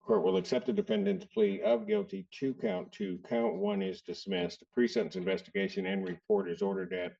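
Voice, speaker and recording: Gravelly male judge on a courtroom recording. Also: high voice, wildly swooping pitch, mellow. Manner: brisk, blunt, procedural. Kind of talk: formal court proceedings. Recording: distant, dull courtroom recording.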